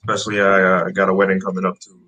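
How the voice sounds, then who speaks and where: A Trinidadian rapper in his thirties talks rapid-fire in a low-pitched voice during a casual interview. Relaxed, he rambles about his music origins, leaning on fillers and restarting sentences.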